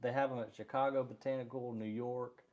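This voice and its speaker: Casting: middle-aged male co-host, easygoing, rambling, relaxed live-stream banter. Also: mid-range voice, fairly quick, muffled recording. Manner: easygoing, rambling, laughs often. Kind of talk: casual live-stream chat.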